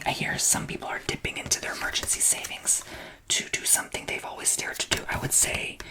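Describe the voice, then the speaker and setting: Sassy woman whisper-shouting a tarot reading. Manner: sassy, blunt and goofy. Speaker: tarot reader.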